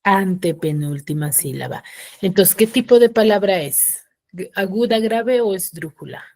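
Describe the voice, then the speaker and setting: A woman teacher giving an online class, asking patient questions and slowing down to spell out syllables. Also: medium pitch, expressive, mellow, no room sound. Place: home room for an online class.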